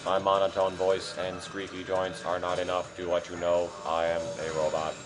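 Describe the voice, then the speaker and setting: A man putting on the voice of a monotone male robot that beeps and threatens, over game music. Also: deep voice, moderate pace, noisy background, natural voice. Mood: mock menacing. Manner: flat monotone with beep-boop noises.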